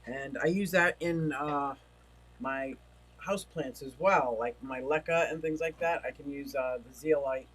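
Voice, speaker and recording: A livestream host talks from home at a measured pace, his voice on the high side and a bit bright, rambling chattily and reading chat messages aloud. He senses his voice going, and the recording is low quality.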